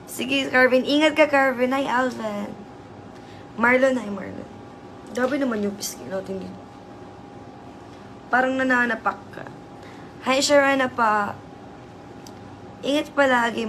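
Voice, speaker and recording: A hoarse woman hosting a casual livestream, chatty and teasing as she greets viewers. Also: fairly high pitch, fairly bright tone, a little hiss or hum. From Southern Leyte, Philippines. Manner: chatty, teasing, laughs often. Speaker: livestream host.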